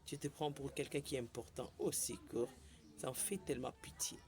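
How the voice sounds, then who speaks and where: A woman's voice: a bass voice, brisk, a little mellow. Woman preacher, informal and exclamatory, peppers her talk with amens. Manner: exclamatory, frequent amens, shifts between French and Lingala.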